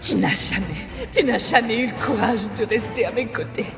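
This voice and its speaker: Frightened young woman, high lively shrill voice, echoey hall, clear music, dubbed telenovela. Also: moderate pace. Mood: refusing. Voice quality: shrill, crying out. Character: young woman, frightened, rejecting her lover. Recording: echoey reverberant room with music.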